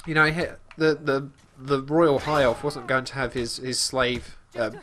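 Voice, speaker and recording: A man casually commenting on his gameplay as host, talking about his character in third person with halting restarts and fillers. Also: medium pitch, level tone, fairly bright tone. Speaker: let's play host.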